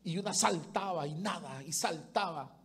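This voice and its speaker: A man preaching a sermon as pastor, impassioned, swinging between loud calls and hushed asides. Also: fairly high pitch, normal speed, husky.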